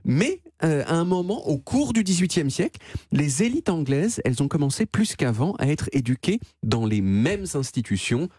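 Husky-voiced man giving a radio chronicle. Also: fairly high pitch, big pitch swings, normal speed, darkish tone, no room sound, clean studio sound. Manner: chatty, playful, with frequent restarts. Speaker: radio columnist.

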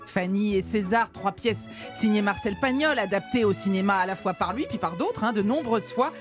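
Female radio columnist over clear background music. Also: medium pitch, lively intonation, normal speed. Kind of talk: radio segment presenting.

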